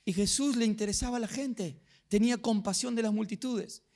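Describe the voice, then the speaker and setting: A man's voice: high voice, steady tone, brisk, a little mellow. A middle-aged man with an Argentine accent preaching a sermon, telling stories and asking rhetorical questions. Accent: Rioplatense Spanish. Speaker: pastor.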